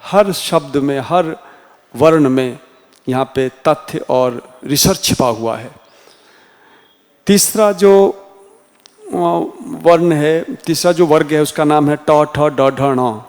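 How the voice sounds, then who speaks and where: A man teaching a Hindi class in a slow, deliberate way with a Rajasthani accent, sounding out each letter one by one. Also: a little high, a little mellow. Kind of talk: classroom lecture. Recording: reverberant room sound.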